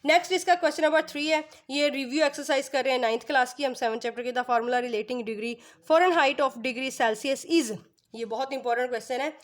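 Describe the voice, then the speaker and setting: Female maths tutor, high voice, slow reads, quick asides, self-questioning. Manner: reads English lines slowly, explains in quick asides; asks and answers her own questions. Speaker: maths teacher. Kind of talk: explaining textbook exercises.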